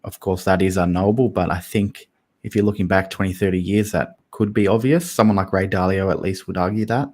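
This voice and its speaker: A man with a low, deep voice co-hosts a casual investing podcast. He talks things through slowly and carefully, softening his points with small hedges. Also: steady tone. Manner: thoughtful, hedging with "I guess" and "kind of". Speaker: podcast co-host.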